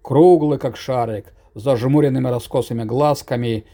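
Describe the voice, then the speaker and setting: A man reading a fantasy story aloud as an audiobook narrator, steady and measured. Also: medium pitch.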